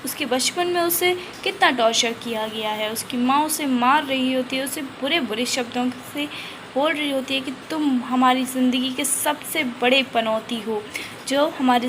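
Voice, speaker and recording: A woman's voice: sits high, noisy background. A woman narrating a drama recap in a plain, running storytelling manner.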